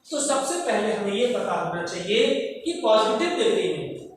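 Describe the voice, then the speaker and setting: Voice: medium pitch, big pitch swings, normal speed. A teacher giving a classroom grammar lesson, explaining step by step, repeating the rules and quizzing the students. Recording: echoey room from far off, faint noise.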